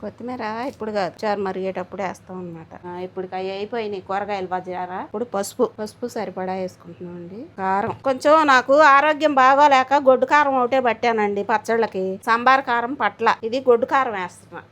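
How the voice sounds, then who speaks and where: Quick, homely middle-aged woman cook. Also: mid-range voice, a bit bright. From Guntur region, Andhra Pradesh. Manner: homely, explains step by step. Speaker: home cook. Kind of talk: cooking demonstration. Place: home kitchen.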